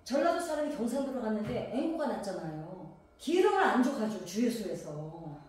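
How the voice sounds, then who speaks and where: A woman's voice: a little high, very animated, fairly quick, darkish tone. Woman preacher from gangwon, chatty sermon, lots of questions at the crowd, big echoey hall, mic kinda far. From Gangwon Province, South Korea. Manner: conversational preaching full of rhetorical questions to the congregation.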